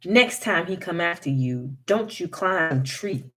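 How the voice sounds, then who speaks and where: A woman's voice: lowish voice, expressive, measured pace, fairly bright tone. A woman voicing a firm, wise country mother who gives her son strict instructions, for a read-aloud folktale.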